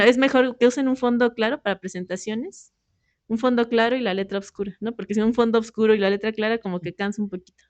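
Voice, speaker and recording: A woman's voice: mid-range voice, no echo. A woman professor gives feedback on a student presentation, explaining patiently and often ending points with a tag question. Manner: explanatory, repeats tag questions, many fillers.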